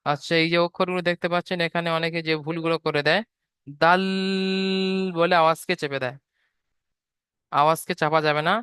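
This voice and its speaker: A man's voice: on the high side, level tone, fast talker, fairly bright tone, smooth, no echo. A man teaching Quran letter sounds patiently, repeating each point and drawing out every sound. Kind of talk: step-by-step online lesson.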